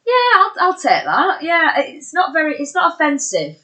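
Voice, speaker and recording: A woman's voice: high-pitched, sing-song, moderate pace, sharp tone. A woman in her thirties with a Bolton accent, a podcast guest talking in a chatty, self-deprecating way. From Bolton, England. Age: 30s. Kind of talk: casual interview chat.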